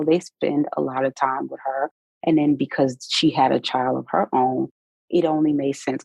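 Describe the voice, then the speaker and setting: A woman's voice: deep voice, vocal fry, a little mellow, slightly rough, no room sound, dull audio. A middle-aged woman co-hosting a casual podcast, speaking candidly and telling stories from her own life. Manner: candid, storytelling from personal experience. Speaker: podcast co-host.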